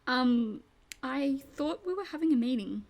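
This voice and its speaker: A woman's voice: sits high, lively intonation, unhurried, creaky, highs cut off, full character voice. A woman reading a wary young office worker. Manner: hesitant, quietly objecting. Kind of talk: comedic table read.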